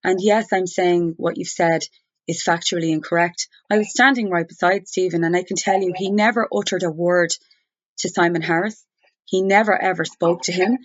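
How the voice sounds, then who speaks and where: A woman speaking over the phone, challenging someone in an insistent, deliberate, argumentative way. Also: on the low side, fairly even intonation. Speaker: complainant challenging a journalist. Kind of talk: confrontational phone conversation. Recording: muffled, roomy recorded phone call.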